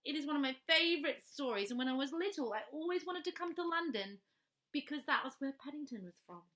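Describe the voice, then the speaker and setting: In a high-pitched voice, a woman reads a children's story aloud with animated expression, stopping now and then to ask the young listeners questions.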